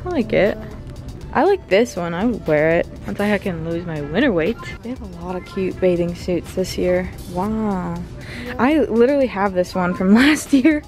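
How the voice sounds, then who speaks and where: A woman's voice: mid-range voice, lively intonation, moderate pace, over music. A young woman in her twenties filming a casual shopping vlog in a large store, chatty and upbeat. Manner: chatty, upbeat, laughs often. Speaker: vlogger. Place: large retail store, indoors.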